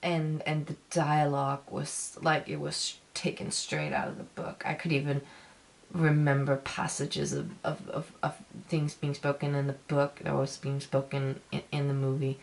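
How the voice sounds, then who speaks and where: A woman giving a casual video review, ranting emphatically in a halting, repetitive way. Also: low-pitched, flat delivery, poor audio. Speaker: film reviewer.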